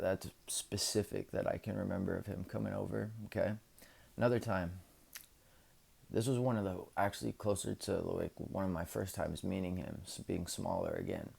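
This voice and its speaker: A man rambles through a casual vlog story, his voice low, gravelly, dark and husky. Filler words crowd his speech, and everything is picked up by his camera's built-in microphone.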